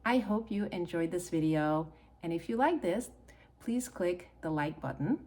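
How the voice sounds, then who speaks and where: This Hungarian-accented middle-aged woman talks to her channel's viewers in a fairly low, darkish voice, animated yet unhurried. Her personal message is earnest and meant to encourage.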